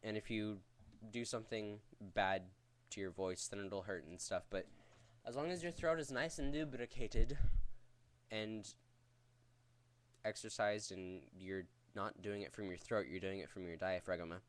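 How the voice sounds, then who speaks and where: A man's voice: lowish voice, steady tone, measured pace. A man giving a casual, rambling vocal technique tutorial in a crude, jokey, profane way. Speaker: vocal tutorial host teaching screaming technique.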